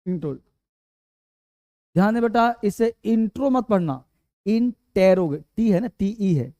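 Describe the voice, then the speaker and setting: A man teaching an English grammar lesson, talking slowly, repeating key words and quizzing his students. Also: sits high, expressive, dark tone, no room sound.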